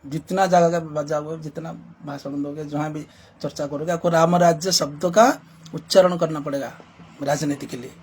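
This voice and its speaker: A man's voice: on the high side, steady tone, moderate pace, darkish tone, husky. A man giving an impassioned commentary as a social reformer, emphatic and repetitive, with many rhetorical questions.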